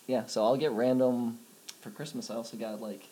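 A man's voice: medium pitch, fairly even intonation, moderate pace, mellow, slight background noise. A young man as a podcast guest in casual chat, laughing often and saying "like" a lot.

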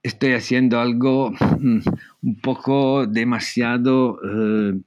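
A man's voice: mid-range voice, fairly even intonation, slow, a little mellow, lo-fi sound. A man from Italy with an Italian accent, a guest in a casual interview, hesitantly searching for words in non-native Spanish. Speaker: podcast guest, amateur astronomer.

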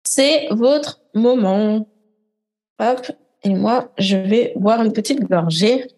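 A woman business coach leads a live group coaching session, speaking directly and encouragingly with quick asides. Her voice is fairly high-pitched with a darkish tone.

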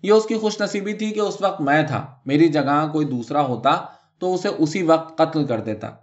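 A hot-tempered tonga driver, a grown man seething with jealousy, as a storyteller puts him on. He talks in a heated, indignant way, a touch lower than the reader's own voice. The audiobook recording sounds dull and lo-fi. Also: animated, close to an everyday voice.

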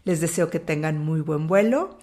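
A woman with a Latin American Spanish accent hosting an informal spiritual talk, speaking in an unhurried, gently guiding way with deliberate phrasing. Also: low voice, lively intonation. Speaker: host of a spiritual talk series.

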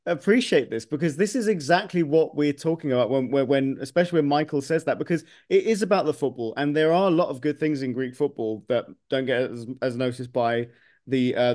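A man's voice: mid-range voice, brisk, darkish tone. A man hosting a football podcast, chatting casually and animatedly with strong opinions. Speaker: podcast host.

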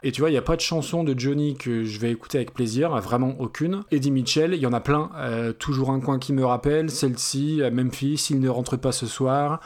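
A man's voice: mid-range voice, brisk, hardly any pauses, a little mellow. A man co-hosting a casual music podcast, talking hesitantly with many fillers as he praises a singer. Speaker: podcast co-host. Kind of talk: casual chat about music.

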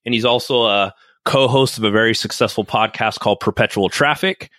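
A man's voice: on the low side, brisk, a bit bright, no echo. A man hosting a casual podcast interview, chatty and upbeat with many fillers and restarts. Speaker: podcast host.

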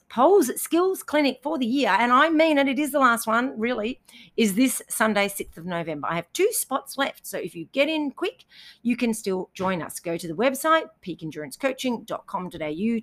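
A woman's voice: on the high side, lively intonation, normal speed, a bit bright. An Australian woman hosting a podcast, chatting casually and upbeat, with easy laughs and plenty of fillers, in a cabin. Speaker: podcast host and running coach. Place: indoors in a cabin.

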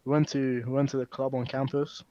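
A man's voice: medium pitch, flat delivery, brisk, warm tone, dry recording. Young man on a dull, dry podcast mic. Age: young adult. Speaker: podcast co-host. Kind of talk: casual chat.

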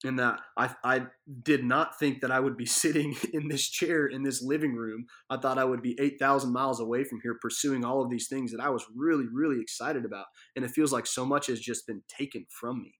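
A man's voice: medium pitch, steady tone, brisk, hardly any pauses, fairly bright tone. A man giving a casual devotional Bible teaching from a living room, telling the story vividly and earnestly, with many fillers and restarts.

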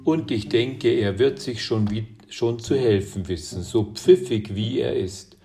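A man's voice: on the low side, a little slow, warm tone. A man voicing a bossy, confident girl who corrects others and brushes off worries. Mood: dismissive.

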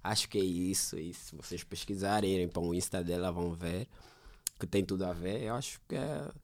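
A man's voice: low-pitched, fairly quick, a little mellow. A man. His delivery is informal and conversational, that of a host chatting with a guest. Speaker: podcast host, visual designer. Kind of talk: casual chat.

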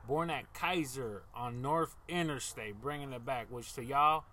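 A man's voice: mid-range voice, unhurried, bright, forceful tone, a little hiss or hum. A man from North Portland, a podcast guest in a backyard, telling casual anecdotes in slangy, joking talk. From North Portland, Oregon. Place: backyard of a house, outdoors.

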